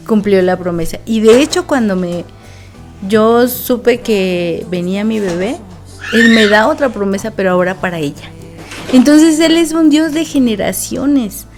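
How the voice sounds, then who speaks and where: A woman's voice: on the high side, darkish tone. A woman, a guest sharing a personal testimony in an earnest, reflective way, with many fillers.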